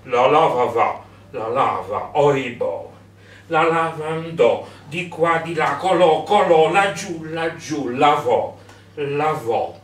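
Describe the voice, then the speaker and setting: A man performs a sound poem with a playful, drawn-out, rhythmic delivery. His voice sits high and moves at a very slow pace. He is picked up from across an echoey room at a poetry reading. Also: distant mic. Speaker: poet reading his work. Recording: echoey room from afar, faint music.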